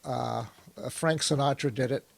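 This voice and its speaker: A man on a video call chatting casually before he plays a song, rambling with many pauses and fillers. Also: medium pitch, gravelly, no room sound. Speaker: club member, singer and guitarist.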